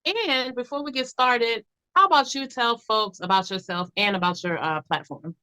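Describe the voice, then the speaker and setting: A woman's voice: a little high, normal speed, pushed and bright, no room sound, low-quality recording. An American woman hosting a casual music talk show. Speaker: podcast host.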